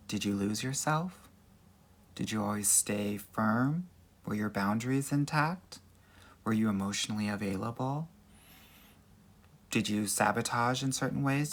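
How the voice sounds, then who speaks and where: A man with a Southern California Valley Girl accent, giving casual dating advice on a livestream in a sassy, girlfriend-to-girlfriend manner. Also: lowish voice. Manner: sassy girlfriend-to-girlfriend talk, peppered with "girl" and "honey". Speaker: dating coach and livestream host.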